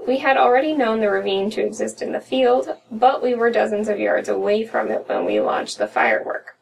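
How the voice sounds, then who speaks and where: Reading a horror story for her podcast, this young American co-host sounds very animated and brisk, her medium-pitched voice creaky with a breathy edge. She records indoors in a small home room on a distant mic that catches room noise.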